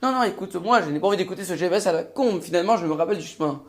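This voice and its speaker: A man's voice: high-pitched, animated, rapid-fire. Grumpy sweary guy moaning his way through a comedy skit. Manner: crude, grumpy, swears a lot. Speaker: comedy sketch performer. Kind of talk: improvised comedy sketch.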